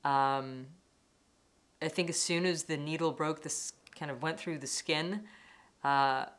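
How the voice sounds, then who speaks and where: A woman's voice: sits low, steady tone, slow pace, a bit bright. A woman speaking candidly and reflectively in a documentary interview. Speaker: interviewee telling her story. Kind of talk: personal documentary testimony.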